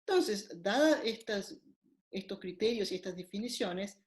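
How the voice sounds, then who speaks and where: The echo of the room surrounds a woman's mid-range, darkish, animated voice as she delivers a recorded linguistics lecture. She works through ideas methodically and explains them with frequent fillers.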